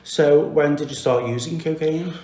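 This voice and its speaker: A man's voice: fairly high pitch, fairly even intonation, normal speed, mellow, a little hiss or hum. A man with a Merseyside accent hosting a podcast interview, cheeky and jokey, swearing casually. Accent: Merseyside English. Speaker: podcast host. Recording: echoey room.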